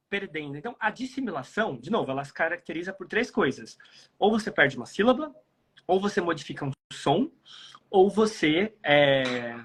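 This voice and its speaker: A man with a Brazilian Portuguese accent teaching English pronunciation, explaining patiently and repeating sounds slowly to demonstrate them. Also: sits high, a bit bright, breathy edge. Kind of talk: explanatory online lesson.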